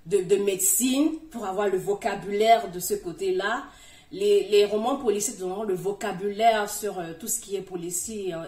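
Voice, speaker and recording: A woman's voice: medium pitch, dark tone. Woman vlogger, casual and chatty, addresses the viewer, voice distant and roomy. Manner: chatty, speaks directly to the viewer. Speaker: video host giving language tips. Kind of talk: casual advice video. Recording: echoey room, voice from a distance.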